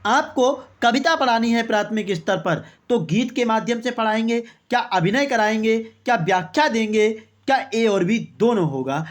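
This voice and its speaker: A chatty online teacher running a quiz-style exam-prep lesson. The voice reads each answer option aloud as a rhetorical question, then settles on the right one with a quick "okay, exactly". Viewers are addressed throughout as brother and friends. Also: medium pitch, lively intonation.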